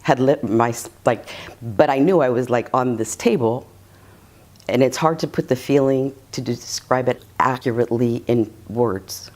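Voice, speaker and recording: A woman's voice: extremely low pitch, normal speed, a little mellow. A woman telling an interviewer about her healing session in a casual, rambling way, giggling often and restarting her sentences. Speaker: reiki client giving a testimonial.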